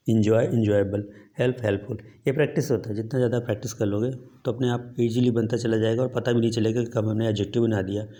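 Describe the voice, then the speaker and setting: A man with an Indian accent and a fairly low voice teaches a grammar class. His throat is sore, and he reads each English example slowly before explaining it in Hindi, with frequent fillers between points. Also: mellow. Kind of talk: grammar lesson explaining slides.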